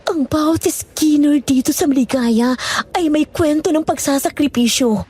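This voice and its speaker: A woman's voice: sits high, moderate pace, mellow, lightly acted. A woman playing a frightened village woman in a horror audio drama, urgent and bitter. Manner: urgent and pleading, then bitter.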